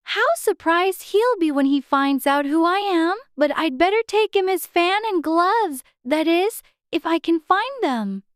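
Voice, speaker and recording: A woman's voice: very high voice, lively intonation, a little slow, hardly any pauses, dry recording, studio quality, voice pushed up. A woman voicing a polite, eager little girl in a dramatized audiobook reading. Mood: flustered. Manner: humble, eager, pleading.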